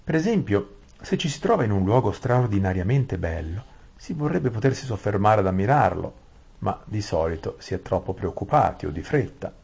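A man reading a bedtime story aloud in a gentle, soothing way, with small restarts. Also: lowish voice, sing-song, normal speed, creaky, husky.

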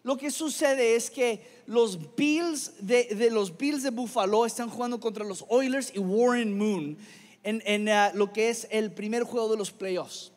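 Male pastor, high voice, slow scripture reading turning into casual chat with the congregation, long hall reverb. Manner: reads scripture slowly, then chats casually with the congregation. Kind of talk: sermon.

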